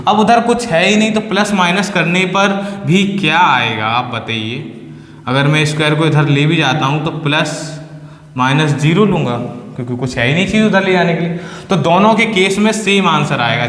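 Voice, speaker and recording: A man's voice: fairly high pitch, fairly bright tone. A man teaching a maths lesson, patiently explaining step by step and slipping English terms into his talk. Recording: echoey room with long reverb.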